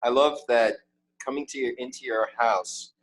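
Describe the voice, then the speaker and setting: A man's voice: medium pitch, steady tone, normal speed, poor audio. A man, a guest actor, bantering playfully in casual chat.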